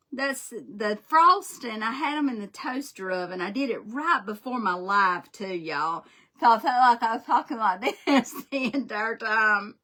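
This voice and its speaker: A woman's voice: mid-range voice, sharp tone. Chatty woman hosting a craft livestream. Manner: chatty, folksy, greets viewers by name. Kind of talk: casual livestream chat while painting.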